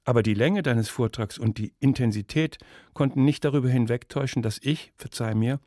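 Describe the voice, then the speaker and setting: A solemn old blind poet passes judgment in a slow, weighty voice, as a male reader puts him on. The tone is firm and grave. The reading is mid-pitched and dry, close to the microphone. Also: dark tone, no echo, close to an everyday voice. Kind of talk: dramatic reading of a story.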